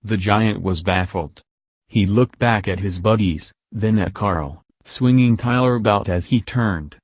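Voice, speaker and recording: A man reading an audiobook in a steady, measured narration, recorded close to the mic. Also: fairly low pitch, dry recording.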